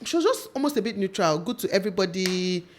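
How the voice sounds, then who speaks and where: A woman's voice: mid-range voice, expressive, fast talker, slight background noise. A woman with a Nigerian accent chatting casually as she reviews a reality show, emphatic and opinionated, often jumping in. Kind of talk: casual gossipy chat.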